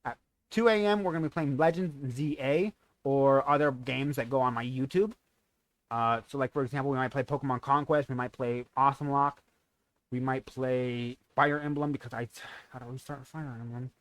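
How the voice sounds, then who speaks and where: A man's voice: mid-range voice, steady tone, moderate pace, no echo. Rambling young male streamer, dry sound. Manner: rambling, self-correcting, chuckles at himself. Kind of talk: casual stream announcement.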